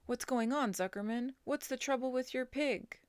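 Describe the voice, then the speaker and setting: A woman voicing a formal, pompous male announcer at a county fair over a loudspeaker. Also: on the low side, moderate pace, vocal fry, clear, resonant tone, no room sound. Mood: alarmed.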